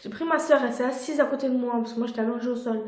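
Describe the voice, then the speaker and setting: Young woman vlogger, casual storytelling, full of fillers and restarts, slightly high pitch, recorded on a phone in a roomy, echoey space. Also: rapid-fire. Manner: chatty, many fillers and restarts. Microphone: phone camera. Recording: echoey room.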